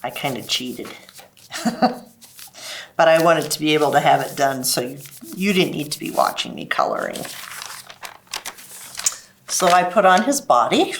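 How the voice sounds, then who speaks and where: Lady talking kids thru storytime and crafts, really up and down melody, a bit on the low side, simple clear steps. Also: very animated, unhurried, pauses often, slight background noise. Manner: simple step-by-step explaining to children. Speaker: children's library program host. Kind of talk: children's craft lesson and storytime talk.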